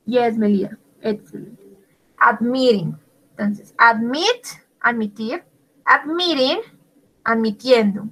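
Woman teacher going over english grammar, talks real slow and spells stuff out, praises kids by name. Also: a little high, fairly bright tone, poor audio. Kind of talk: online class explaining grammar.

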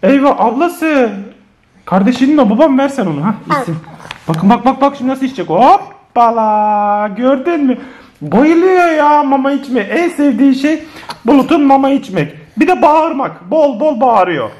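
Lively man chatting on a family vlog. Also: very high voice, fairly quick. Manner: lively, playful, often laughing while talking to children and viewers. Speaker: family vlogger. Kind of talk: casual family vlog chat to viewers. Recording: noisy home video recording.

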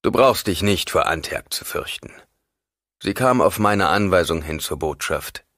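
A man playing an ancient, calculating god-emperor in an audiobook, measured and commanding. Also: sits low, expressive, a bit bright, no room sound, studio quality. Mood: cool.

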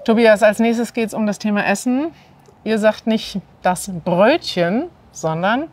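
Unhurried and mid-range in pitch, this woman in her thirties from northern Germany speaks standard German as she hosts a lesson, prompting her guest with clear, animated energy to repeat words. She's outdoors in a courtyard by an ivy-covered wall.

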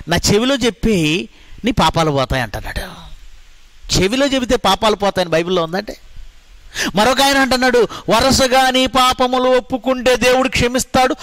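A man with a Telugu accent delivers a sermon in a high-pitched voice. He keeps hammering phrases through repetition and asks the listeners rhetorical questions. The recording is close and dry. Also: fairly bright tone, no room sound. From India. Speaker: preacher.

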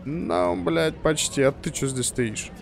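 Болтливый мужчина комментирует прохождение игры. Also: male voice, on the high side, slow, vocal fry, a little hiss or hum. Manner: chatty, swearing, muttering to himself. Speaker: let's play commentator. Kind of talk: casual gaming commentary. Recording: game music over the voice.

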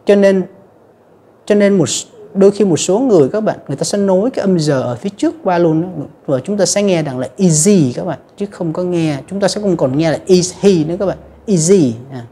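A woman's voice: on the low side, quick pace, mellow, slightly rough. A woman teaching an English grammar lesson in a chatty, casual way, often addressing her viewers directly. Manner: chatty, repeats "các bạn" and "ha".

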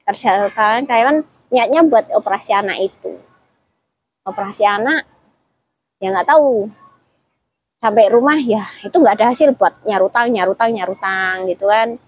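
Husky woman telling her story. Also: medium pitch, moderate pace, long pauses, rough recording. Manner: tells her story with quoted dialogue, many restarts. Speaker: interview guest. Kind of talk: casual chat.

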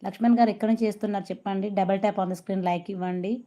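A woman's voice: mid-range voice, steady tone, fast talker, mellow. A woman from Telangana with a Telangana Telugu accent, hosting a casual live stream, chatting and greeting viewers by name with English phrases mixed in. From Telangana, India.

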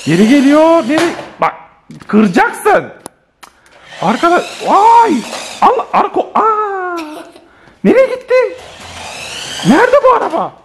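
A young man and father filming a family vlog at home, excitedly narrating to his viewers. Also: extremely high pitch, slow, long pauses, slight background noise. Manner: excitable, exclaiming, addresses viewers. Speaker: vlogger father. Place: home living room.

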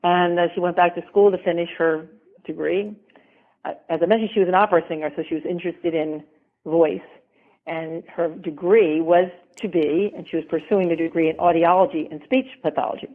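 The recording sounds like a tinny phone line as a middle-aged woman from the American South, a former model, chats as an interview guest in a casual talk. She rambles and laughs often, speaking fairly quickly at a fairly low pitch with fairly even intonation.

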